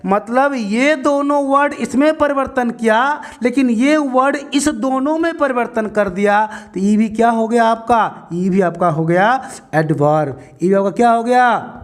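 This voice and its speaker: A man teaches English grammar at an unhurried pace. He explains step by step and poses questions to the class, then answers them himself. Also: high-pitched. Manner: explains patiently, asks and answers his own questions.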